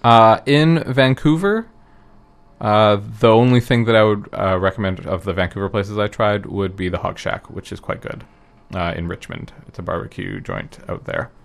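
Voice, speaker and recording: A man's voice: fairly low pitch, normal speed, creaky. A man chatting casually, rambling and hesitant, full of ums and restarts. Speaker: guest recounting an event. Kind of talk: casual chat.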